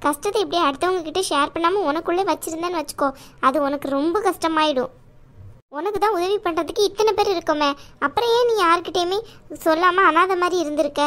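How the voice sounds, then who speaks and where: A woman's voice: very high voice, brisk, fairly bright tone. A woman voicing a middle-aged aunt in a cartoon, firm and bossy but affectionate. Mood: firm caring. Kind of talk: cartoon voice acting.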